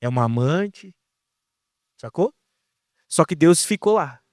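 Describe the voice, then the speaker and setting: A young man with a Brazilian accent preaching a casual, slang-filled sermon in an animated way. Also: a little high, slow, dry recording, clean studio sound. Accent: Brazilian Portuguese.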